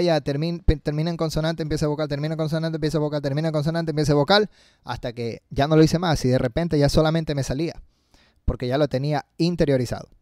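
A man teaching English in an energetic video lesson, emphatic and lively, slowing down to demonstrate phrases. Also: fairly high pitch, no room sound, clean studio sound.

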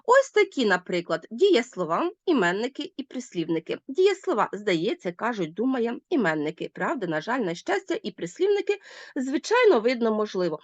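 A woman teacher giving a recorded video lesson to schoolchildren, with emphatic, lively teacherly intonation as she addresses her pupils. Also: on the high side, moderate pace, dry recording, muffled recording.

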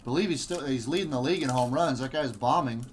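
A man hosting a live card break, reading player names in quick lists with chatty asides. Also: mid-range voice, slight background noise. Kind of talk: live group break commentary.

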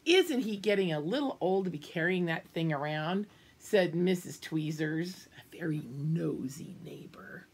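In a small room at home, an older woman reads a picture book aloud to young children, hamming up the emphasis and adding friendly asides to her little listeners. Her voice sits on the low side and sounds husky and expressive, and she keeps a measured pace.

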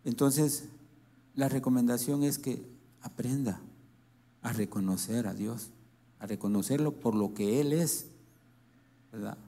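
Reading scripture in Latin American Spanish, a man with a mellow, medium-pitched voice delivers a sermon, speaking slowly, halting and restarting often.

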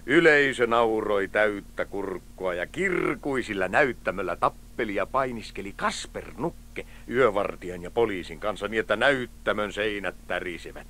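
A man narrating a storybook cassette expressively, dropping to hushed tones for effect. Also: fairly low pitch, lively intonation, hardly any pauses.

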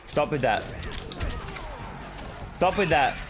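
A man hosting a gaming video, giving live commentary on a fighting-game match with excitable yells, groans and laughs. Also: fairly high pitch, slow. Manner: excitable, yelling reactions and groans. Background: game music.

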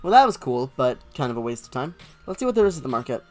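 A woman's voice: rumbling low, very animated, quick pace, a little mellow, faint music behind. Chatty woman doing game commentary. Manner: chatty, joking. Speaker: gameplay commentator. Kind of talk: casual let's-play commentary.

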